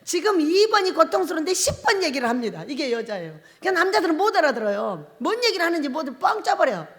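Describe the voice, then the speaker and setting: Lively high-voiced woman pastor preaching. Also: fast, long reverb tail. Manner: humorous, laughs often while preaching; acts out husband-and-wife dialogues. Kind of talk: sermon. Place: church sanctuary.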